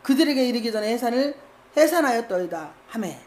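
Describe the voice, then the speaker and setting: A woman preacher delivering a sermon with animated storytelling, acting out scenes as she goes. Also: fairly high pitch, brisk.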